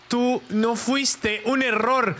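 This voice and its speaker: A man, voicing a mournful female weeping ghost in a slow, pleading way. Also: very high voice, steady tone, sharp tone, pitched above the performer's own voice, full character voice.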